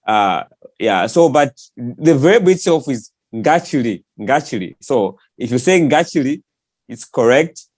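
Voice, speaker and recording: A man's voice: mid-range voice, expressive, a little slow, a little mellow, no echo. A man on an online call explaining a language point, with hesitant fillers and restatements.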